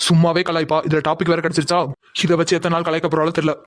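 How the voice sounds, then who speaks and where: A man's voice: on the high side, monotone, racing, close to an everyday voice. A man doing whiny bantering cartoon young men. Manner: joking, whiny complaints.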